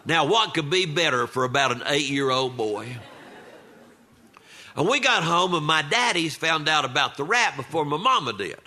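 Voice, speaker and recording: At a moderate pace, an older man shares comic family stories live in a fairly high, pushed and bright voice with a sing-song lilt. His manner is folksy and conversational, and he acts out what his relatives said.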